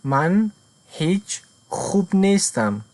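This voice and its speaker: Lively language teacher. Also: mid-range voice. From Afghanistan. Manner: says German phrases slowly word by word, explains quickly in Dari. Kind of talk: German lesson with Dari explanations.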